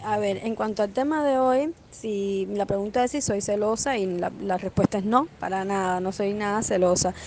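Mellow-voiced woman sending a voice message. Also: mid-range voice, a little hiss or hum. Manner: thoughtful, steady, uses fillers. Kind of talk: casual opinion.

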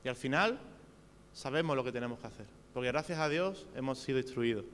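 A man's voice: medium pitch, lively intonation, a little fast, fairly bright tone. A man preaching a sermon with a Spain Spanish accent, earnest and talking straight to his listeners with rhetorical questions. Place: church hall. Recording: reverberant hall with faint hum.

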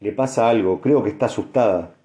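Man as a gruff old farmer. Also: on the low side, brisk, warm tone, close to an everyday voice. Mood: confiding. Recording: echoey room.

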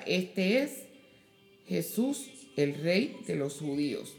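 A woman reading scripture aloud in a slow, measured way during a church service. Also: fairly low pitch, a little mellow. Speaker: scripture reader. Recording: echoey room.

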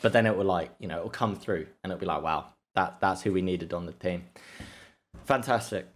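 A young man chatting casually as a podcast co-host, swearing often and rambling through animated retellings. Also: sits low, fairly quick. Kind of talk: casual chat.

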